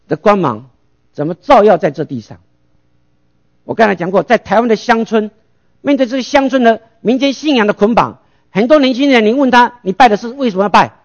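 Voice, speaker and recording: A man's voice: sits high, creaky, highs cut off. A male pastor preaching a sermon, asking rhetorical questions and answering them himself.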